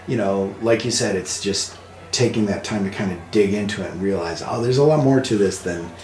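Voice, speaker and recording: A man's voice: fairly low pitch, brisk, darkish tone. Man host in an echoey room. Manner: agreeable, frequent backchannel replies. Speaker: podcast host. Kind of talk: casual conversation. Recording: roomy echo.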